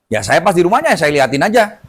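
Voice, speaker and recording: Fast-talking middle-aged male healer. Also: on the high side, husky. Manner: animated storyteller acting out dialogue. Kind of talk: storytelling testimony.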